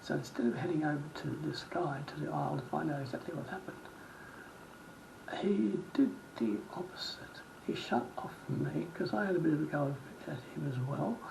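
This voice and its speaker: A man's voice: a little high, moderate pace, vocal fry, background noise. A middle-aged man, telling a story in a vlog rant, indignant and rambling with many restarts. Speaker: vlogger.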